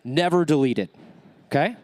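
A nasal man with a fairly high pitch speaks at a normal pace with no room sound. He's a workshop speaker on an event stage, answering questions and coaching listeners, and he stays energetic while checking in with "right?" and "okay?".

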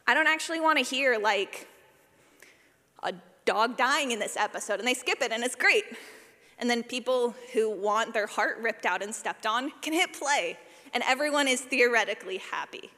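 At an informal conference session with audience questions, a woman who does sound design for audio fiction speaks at normal speed, her voice on the high side. Her style is animated, jokey and self-effacing, peppered with "like." It's recorded live in a large echoing room, with reverberant hall sound throughout.

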